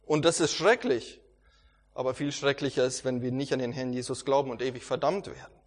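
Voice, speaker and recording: A man's voice: mid-range voice, steady tone, fairly quick. A man teaching a Bible sermon, earnest and emphatic, repeating phrases and sometimes restarting a word. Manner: occasional restarts and stumbles. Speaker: preacher.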